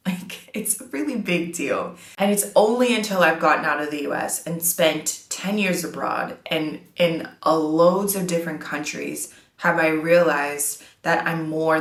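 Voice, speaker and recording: A low-pitched woman in her thirties speaks straight to her viewers, earnest and encouraging, stressing the words that matter. Her voice rings in a roomy, echoing space. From United States. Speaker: vlogger. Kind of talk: casual talk to camera.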